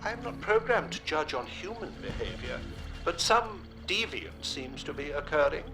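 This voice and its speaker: A too-smooth male ship's computer with a high, polished voice that stays clinical and even. It reports in a precise, matter-of-fact way while a music score plays behind it. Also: normal speed. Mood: detached. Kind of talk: sci-fi TV drama acting.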